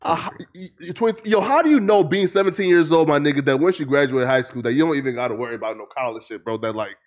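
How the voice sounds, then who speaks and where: A man in his twenties talking in an excitable, slangy casual chat, full of swearing and "bro". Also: fairly high pitch, fast. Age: 20s.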